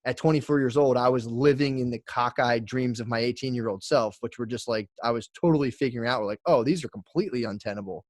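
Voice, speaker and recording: A man's voice: mid-range voice, fast, hardly any pauses, no echo, studio quality. A man in his thirties, a podcast guest talking in a rambling casual way with many fillers. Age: 30s.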